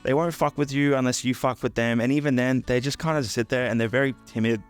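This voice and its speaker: A man's voice: mid-range voice, steady tone, quick pace, smooth, faint music behind. A man in his twenties, from the UK and raised in Australia, chatting in a crude, sarcastic comedic vlog. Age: 20s. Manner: crude, sarcastic, swears freely. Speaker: YouTuber.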